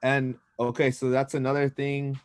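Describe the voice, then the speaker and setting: A man's voice: medium pitch, little pitch movement, moderate pace, clean tone. A man teaching a language class, patiently explaining pronunciation step by step.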